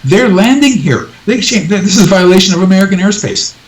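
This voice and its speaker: A man's voice: sits high, lively intonation, fairly quick, reverberant, distant mic. An older man being interviewed as a guest researcher on a live talk show, talking in an emphatic, insistent way and repeating his points.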